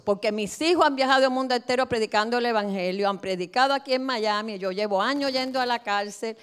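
Middle-aged lady pastor preaching, kinda high smooth voice, goes from quiet asides to loud declarations. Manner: emphatic, swings between soft asides and loud declarations. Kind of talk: sermon. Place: church.

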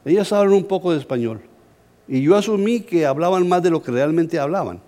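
A middle-aged Colombian man, a pastor, preaching a sermon as an animated, humorous story. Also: fairly high pitch, brisk. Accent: Colombian Spanish.

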